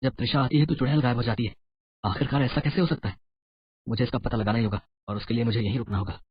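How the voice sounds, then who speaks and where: A woman's voice: medium pitch, animated, husky. A woman voicing a frightened, suspicious young husband in a cartoon horror story. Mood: worried. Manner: anxious, hurried. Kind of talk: cartoon voice acting. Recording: muffled, with a faint hiss.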